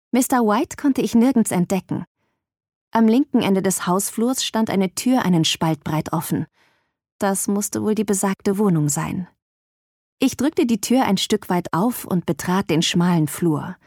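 A woman's voice: mid-range voice, mellow, no room sound, clean studio sound. Woman narrating a novel in first person. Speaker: audiobook narrator.

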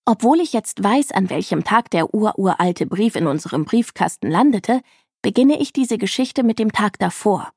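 A woman reading a children's book aloud as a first-person narrator, telling it expressively with lively rises in her voice. Her pitch sits in a middle range, and the recording is dry and close, with no echo. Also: moderate pace, gravelly, slightly rough. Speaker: audiobook reader.

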